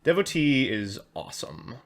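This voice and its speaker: A man streaming a card game, chatting casually, reading chat aloud and getting excited. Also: mid-range voice, moderate pace, creaky. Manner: excitable, chatty, reads chat aloud and laughs at his own jokes. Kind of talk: casual live-stream commentary while playing a card game.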